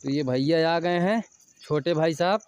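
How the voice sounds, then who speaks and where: A man's voice: on the high side, unhurried, a little mellow, smooth, dry recording. A man in his thirties, talking to viewers as he walks through a village and forest, filming himself on a handheld phone. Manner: chatty, addressing viewers while hiking. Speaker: travel vlogger. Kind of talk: outdoor travel vlog. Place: outdoors in village and forest trail. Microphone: handheld phone at arm's length.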